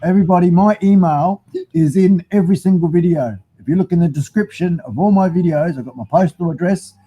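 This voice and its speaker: Kiwi guy w broad accent doing a livestream, blokey n rambly, sorta high but soft mellow voice. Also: brisk, slightly rough, highs cut off. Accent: broad New Zealand. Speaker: live stream host. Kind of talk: casual live chat, reading out viewer comments.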